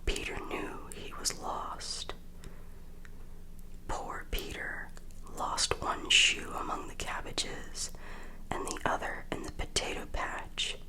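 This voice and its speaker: Female ASMR storyteller. Full breathy whisper throughout, unhurried and deliberate, gentle bedtime read for children's tales. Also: low-quality recording.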